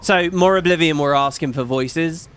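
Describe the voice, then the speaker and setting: Chatting on his live stream, a middle-aged Brit talks at a moderate pace in a smooth, fairly bright voice that's fairly high and not macho. His talk is casual and rambling, with casual swearing mixed in.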